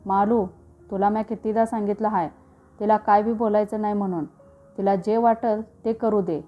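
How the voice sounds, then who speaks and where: A woman's voice: medium pitch, steady tone, moderate pace, muffled recording, lightly acted. A woman voicing a middle-aged village landowner father who spoils his daughter, speaking in rural dialect. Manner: rural Marathi dialect speech.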